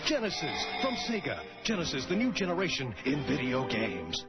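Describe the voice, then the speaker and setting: A male commercial announcer with a fairly high, animated voice delivers an emphatic, excited sales read. Loud music runs behind him. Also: moderate pace, highs cut off. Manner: emphatic, list-reading build-up. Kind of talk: excited scripted ad voice-over.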